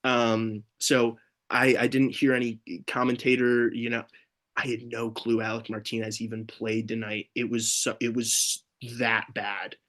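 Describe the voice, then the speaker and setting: A man's voice: medium pitch, level tone, measured pace, a bit bright. Ranting young man on a late-night podcast. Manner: exasperated, ranting, swears freely. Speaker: podcast co-host. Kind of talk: casual late-night postgame chat.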